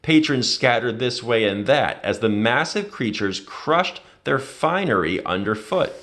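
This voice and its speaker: A man reads a children's storybook aloud at an unhurried pace, his medium-pitched voice swooping with very lively intonation. He plays up the drama with emphatic, expressive delivery.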